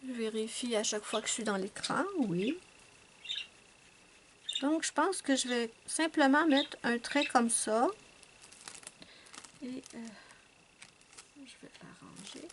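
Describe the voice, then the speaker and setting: An art channel host chats casually at home, her cat nearby, while swatching art supplies and thinking aloud to viewers with many fillers. Her voice is a little high and a little slow, with long pauses, over a noisy background.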